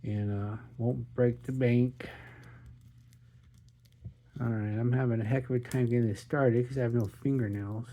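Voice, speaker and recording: A man's voice: medium pitch, steady tone, a little slow, long pauses, warm tone, slight background noise. A man hosting his own channel, cracking puns and chatting casually while he unboxes watches. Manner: jokey, punning, chatty. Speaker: watch reviewer, channel host.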